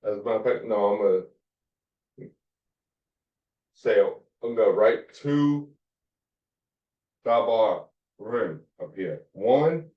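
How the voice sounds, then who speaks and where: A man teaching a Hebrew phonics class, explaining slowly and repeating his points as he writes on a board. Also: fairly low pitch, expressive. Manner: slow, repeats points, restarts mid-sentence. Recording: echoey room, dull lo-fi sound.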